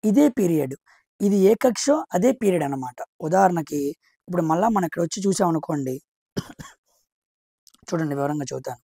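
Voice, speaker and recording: A woman teaching chemistry. She asks her own questions, answers them herself, counts aloud and slowly repeats key terms. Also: on the low side, animated, vocal fry, dark tone, breathy edge, dry recording, studio quality. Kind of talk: explaining chemistry, drawing on a board.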